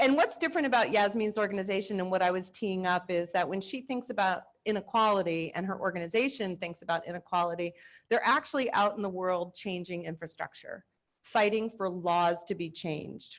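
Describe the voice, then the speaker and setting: Lively woman hosting a panel. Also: lowish voice, poor audio. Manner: lively, self-deprecating. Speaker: panel host. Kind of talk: panel moderation. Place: event space with audience.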